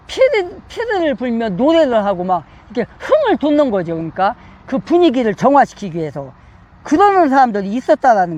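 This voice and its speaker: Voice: mid-range voice, a little mellow. A Korean Bible study teacher lecturing emphatically, repeating phrases and asking the listeners many rhetorical questions.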